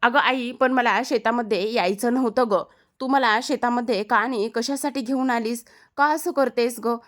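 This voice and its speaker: A woman voicing a spirited, questioning young girl who talks back in a high, insistent voice. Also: normal speed, fairly bright tone, lightly acted. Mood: pleading.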